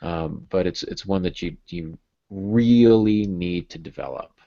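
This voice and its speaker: A podcast host and writing coach with a very low voice and vocal fry gives casual, unhurried instructional talk from a small home office. His video call audio comes through muffled, dull and lo-fi.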